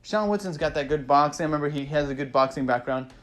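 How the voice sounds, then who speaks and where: A somewhat high-voiced man talks through a fight card in a loose, rambling recap. He gets excitable, swears freely and leans on "man" and "you know" as he goes. Now and then he acts out what the fighters must have been thinking. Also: fast. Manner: acts out fighters' thoughts in quoted asides. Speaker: MMA vlogger recapping fights.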